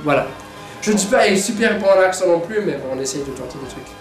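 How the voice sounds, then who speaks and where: Chatty high-voiced young man, echoey room. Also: lively intonation, fast, soft background music. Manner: chatty, jokey, repeats words. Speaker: YouTuber reviewing his own videos. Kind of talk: casual vlog chat.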